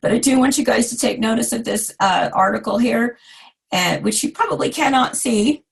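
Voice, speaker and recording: A hoarse woman in her forties giving a recorded design lecture, chatty and self-deprecating with asides to her students. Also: on the high side, moderate pace. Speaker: design instructor.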